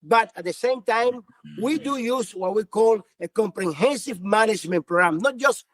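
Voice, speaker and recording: A man's voice: high voice, moderate pace, a bit bright, no echo. A man in his fifties from Cuba with a Cuban Spanish accent, Spanish his first language, a physician answering earnestly in a podcast interview with many restarts. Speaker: physician guest.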